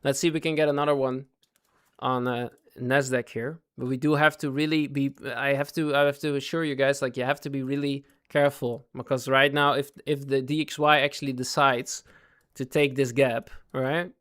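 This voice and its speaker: This day trading livestreamer speaks in a mid-range voice that's a bit bright and smooth, with flat delivery at a moderate pace. Losing his voice, he comments casually on his trades in fits and starts, repeating himself and asking chat whether they follow.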